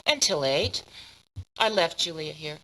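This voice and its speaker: An actress voicing a poised, businesslike female modeling agency boss in dubbed game dialogue, smooth and guarded. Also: sits low, expressive, unhurried, pushed and bright, full character voice, low-quality recording. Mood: composed.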